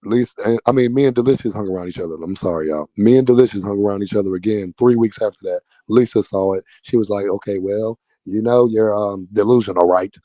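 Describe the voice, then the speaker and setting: Man, stream host, casual rambling talk, mellow low voice, dull dry audio. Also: fast, hardly any pauses, dry recording. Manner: rambling, restarts often, addresses viewers. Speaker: live-stream panel host.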